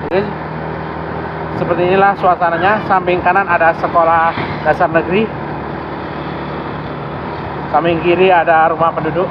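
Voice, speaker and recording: A man from Indonesia talking through a face mask in a halting, casual way, giving travel vlog commentary as he rides. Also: a little high, flat delivery. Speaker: travel vlogger. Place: outdoors, riding a vehicle on a village road. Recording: dull lo-fi, loud engine and road noise.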